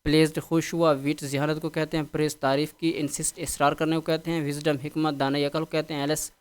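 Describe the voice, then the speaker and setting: A man's voice: fairly high pitch, level tone, clean tone. A man teaching English vocabulary, going through a word list patiently and repeating a set phrase after each meaning.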